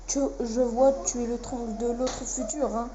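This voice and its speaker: Woman reading as proud cold warrior prince from a game, talks down at folks, high voice, muffled lo-fi audio. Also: flat delivery, measured pace, background noise, natural voice. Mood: scornful. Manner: haughty, dismissive, reading dialogue aloud. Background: game music.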